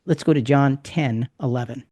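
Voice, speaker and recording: A man's voice: medium pitch, moderate pace, warm tone, no echo. Emphatic man leading a Bible discussion. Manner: emphatic, explanatory, repeats key points. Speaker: podcast host.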